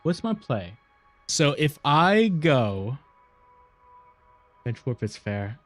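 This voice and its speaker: A male streamer giving relaxed, unhurried commentary over his gameplay, musing aloud and laughing often. He repeats himself in frustration when things go wrong. Faint game music plays underneath his voice. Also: mid-range voice, dry recording. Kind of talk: casual live gameplay commentary.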